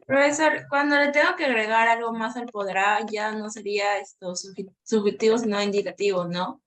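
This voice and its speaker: A woman's voice: mid-range voice, moderate pace, a bit bright. Female student, polite and hesitant, restarts often, distant classroom pickup. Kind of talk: asking a question in class.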